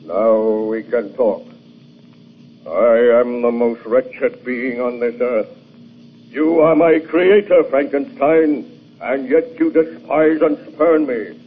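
An actor playing a wretched, bitter man-made monster in a vintage radio drama, pleading slowly with his creator. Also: medium pitch, a little hiss or hum, lightly acted. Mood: anguished. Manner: slow, brooding, anguished pleading. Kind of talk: 1940s radio acting. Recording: tinny old radio recording.

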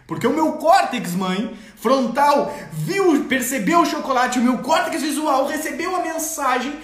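A man's voice: very high voice, animated, unhurried, pitched above the performer's own voice. A man playing a small boy who complains about being refused chocolate in an exaggerated, mock-formal way. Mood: mock-eloquent. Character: little boy, absurdly eloquent, aggrieved. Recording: roomy echo.

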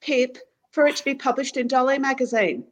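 A woman's voice: sits high, a little fast. Enthusiastic woman interviewer. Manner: enthusiastic, encouraging, frequent back-channel murmurs. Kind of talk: interview talk.

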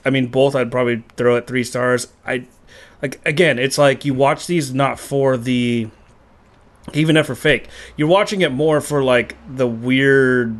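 A man's voice: medium pitch, a little slow. A man co-hosting a casual movie podcast, blunt and loose, swearing and saying "like" a lot. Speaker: podcast co-host. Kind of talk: casual film chat.

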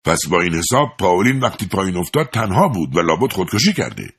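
A man's voice: rumbling low, wildly swooping pitch, vocal fry, fairly bright tone, a little hiss or hum, heavily acted. A man voicing a blunt, bold male detective in a storybook reading. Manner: blunt, exclaiming.

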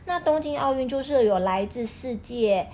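A woman's voice: high voice, normal speed, slight background noise. A woman reading aloud to a toddler, expressively explaining and asking simple questions in a teacherly way. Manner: expressive, questioning, teacherly way of talking to a small child. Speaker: parent reading a picture book with a child.

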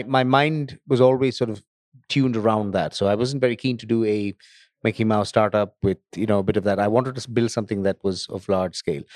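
A middle-aged man who grew up in Tanzania and Nigeria, now founder of a data center company, speaks casually as a podcast guest in interview-style talk, rambling with many restarts. His voice sits on the low side, slightly mellow, captured in a dry, studio-quality recording.

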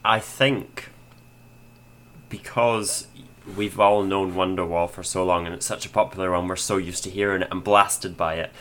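Man, very deep voice, bright tone, reasoned explainer, casual podcast talk. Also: fairly even intonation, moderate pace, slight background noise. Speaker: podcast co-host. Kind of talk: casual music review chat.

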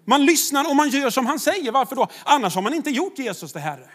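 A man's voice: very high voice, very animated, fairly bright tone. A man, a pastor, preaching a sermon in a conversational way, with rhetorical questions to the congregation.

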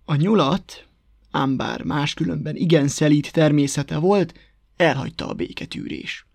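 A man narrating a folk tale as a storybook reader, with a lively, rhythmic telling on a close mic. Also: fairly high pitch, gravelly, dry recording. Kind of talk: storybook reading.

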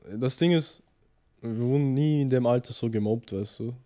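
A man's voice: mid-range voice, a little fast, mellow. A man with a Viennese accent chatting casually on a podcast, laid-back and slangy, often repeating his words. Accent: Viennese German. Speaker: podcast co-host. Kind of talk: casual chat.

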